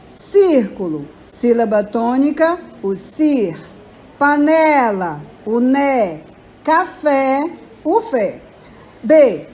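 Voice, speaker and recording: A woman teacher with a Brazilian accent giving a recorded lesson, speaking clearly and spelling out syllables with emphasis. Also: sits high. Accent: Brazilian Portuguese. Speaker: primary school teacher.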